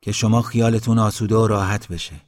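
A man voicing a kindly village man who speaks up to protect an outcast, in a steady, reassuring way. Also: lowish voice, natural voice.

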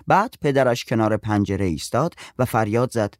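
Male narrator, story reading, animated pitch, dry close sound. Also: no echo. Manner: expressive, storytelling.

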